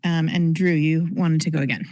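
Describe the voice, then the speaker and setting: A woman on a city council speaking in a halting way with repeated fillers during a meeting in a council chamber. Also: low-pitched, steady tone, darkish tone.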